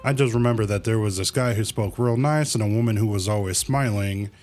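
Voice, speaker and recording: A game streamer's fairly low, darkish voice moves briskly over soft background music. He commentates casually on the livestream, muttering to himself and reading dialogue aloud in a colloquial, laid-back style.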